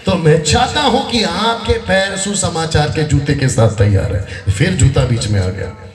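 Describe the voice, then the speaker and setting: A man's voice: a little high, expressive, a little slow, far from the mic, faint music behind. A man leading a Bible study sermon, joking and drawing the audience into call-and-response. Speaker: preacher. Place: convention hall. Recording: echoey hall picked up from afar.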